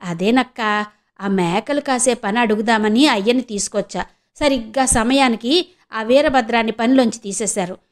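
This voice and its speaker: A woman's voice: fairly high pitch, moderate pace, close to an everyday voice. A woman voicing an eager, earnest young village girl who speaks in rustic speech.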